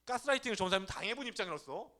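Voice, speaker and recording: A man's voice: sits high, rapid-fire. A young man, a youth pastor, preaching casually to teenagers and acting out quoted parents and kids. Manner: animated, acts out parents and teens in quoted voices. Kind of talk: sermon to teenagers. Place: church sanctuary.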